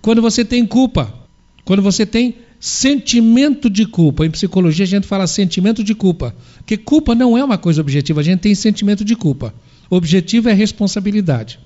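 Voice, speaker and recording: A man's voice: sits high, animated, fairly quick, mellow. A man giving a spiritual sermon, posing rhetorical questions and answering them himself. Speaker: spiritual lecturer. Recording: dull lo-fi recording.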